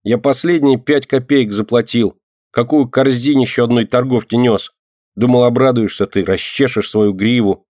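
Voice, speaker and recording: A proud, hot-tempered street boy with rough manners, voiced by a man reading aloud. He scolds and shouts in a voice lifted well above the reader's own. The sound is close and dry. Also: mid-range voice, normal speed, dry recording, voice pushed up, natural voice. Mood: earnest. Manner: gruff, scolding, loud. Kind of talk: audiobook reading.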